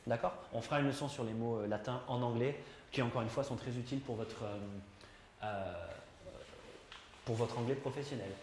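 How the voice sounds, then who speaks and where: A man's voice: medium pitch, moderate pace, a little mellow. Guy teaching english to a class, chatty, keeps asking the room questions, echoey classroom with a bit of noise. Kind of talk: classroom lesson. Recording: roomy classroom echo, faint noise.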